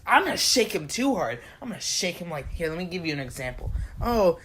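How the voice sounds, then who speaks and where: A young man delivering a profane, deliberately dark comedic rant to camera, exaggerated and complaining. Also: fairly high pitch, sing-song. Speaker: vlogger.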